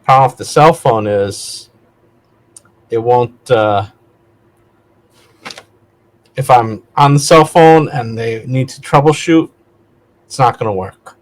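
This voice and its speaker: Medium-pitched and measured, this man's voice comes through a rough recording. A vlogger hosting a casual, rambling video, he wanders into digressions and fixes his own words along the way.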